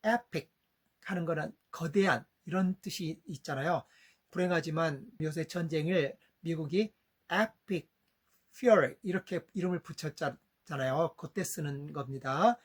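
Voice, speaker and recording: A middle-aged father with a slightly high, slightly rough voice gives a patient, step-by-step lesson on English vowel sounds, saying the example words slowly.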